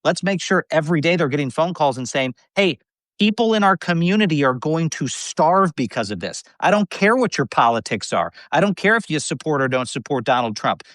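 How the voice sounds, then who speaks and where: Animated man guest, slightly high voice. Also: fairly quick, dry recording. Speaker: guest commentator. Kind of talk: political discussion.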